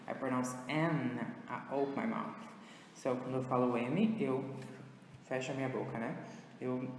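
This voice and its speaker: A man teaching an English lesson with a Brazilian Portuguese accent, slow and patient as he moves between Portuguese and English. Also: mid-range voice, a little hiss or hum. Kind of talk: recorded online lesson. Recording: echoey room with long reverb.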